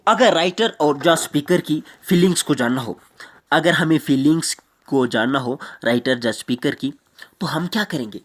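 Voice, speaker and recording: A man from Jammu and Kashmir, a teacher giving an explanatory grammar lecture and repeating each point slowly with English examples. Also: a little high, a bit bright.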